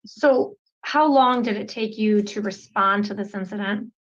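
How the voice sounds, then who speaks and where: A woman's voice: mid-range voice, unhurried, lo-fi sound. A woman prosecutor questioning a witness in court, direct and businesslike.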